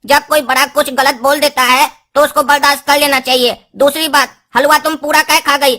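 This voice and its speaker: A woman's voice: high voice, steady tone, moderate pace, bright, forceful tone. A woman voicing a beardless young husband in a cartoon, pleading and lecturing. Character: beardless young husband caught between wife and mother.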